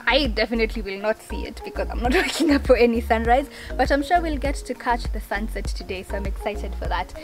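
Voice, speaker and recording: Young woman, bubbly chatty vlogger, higher voice, music behind. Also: expressive, fast, hardly any pauses. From Kenya. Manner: bubbly, chatty, laughs often. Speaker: vlogger, channel host. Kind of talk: casual travel vlog tour. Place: treehouse holiday rental, partly outdoors.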